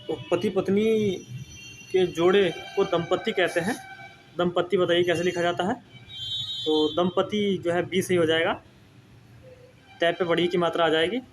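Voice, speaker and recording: A man's voice: sits high, little pitch movement, moderate pace, long pauses, soft background music. A young man teaching Hindi spelling for exam prep. He repeats words and keeps checking in with his students. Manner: explains patiently, repeats words, often says "ठीक है ना".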